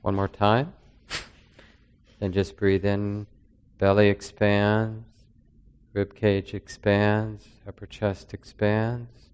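A low-voiced man leads a breathing meditation in a steady, nearly flat tone. His voice is smooth and clear, and he lets long pauses fall between his soft, calming instructions. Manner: slow, soft-spoken, calming. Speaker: meditation teacher.

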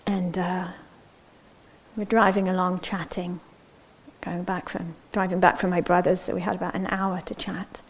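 A woman meditation teacher giving a gentle, unhurried dharma talk, often checking in with "yeah?" and sometimes dropping to a near-whisper. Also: on the low side, little pitch movement, breathy edge, low-quality recording.

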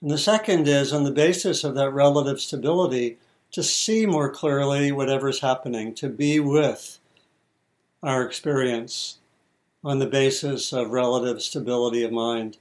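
Speaking at a medium pitch, a man gives guided meditation instructions as a teacher, keeping his phrases short and measured with pauses in between.

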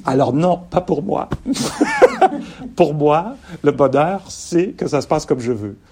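A middle-aged mindfulness meditation teacher gives a dharma talk to an audience, warm-humored and laughing often as he loses and finds his thread. His voice is on the high side and expressive, slow in pace, with a breathy edge.

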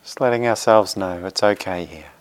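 In a fairly low and very smooth voice at a moderate pace, a man leads a guided meditation. He speaks gently in short phrases with plenty of space between them, reassuring as a teacher settling students into practice.

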